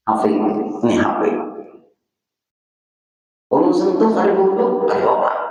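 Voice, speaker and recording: Banjarese male religious teacher, rhetorical questioning, slightly high-pitched; booming hall reverb. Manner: fires rhetorical questions at the audience. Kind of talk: dawn religious study talk. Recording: echoey hall, distant mic.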